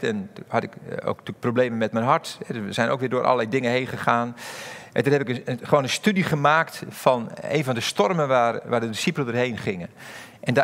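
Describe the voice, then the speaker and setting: Preaching emphatically to his congregation, a male pastor addresses them directly, asks rhetorical questions, and lets his voice swing abruptly up and down. His voice is medium-pitched and fairly bright, heard in a big-sounding room.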